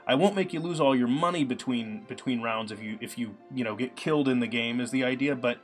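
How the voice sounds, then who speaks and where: A man chats through a live coding stream in an easygoing, meandering way, filling pauses with ums and uhs. His voice sits at an ordinary middle pitch and is a little scratchy from a cold. Soft background music plays faintly under him. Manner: relaxed, chatty, many ums and uhs. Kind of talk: casual live-stream talk.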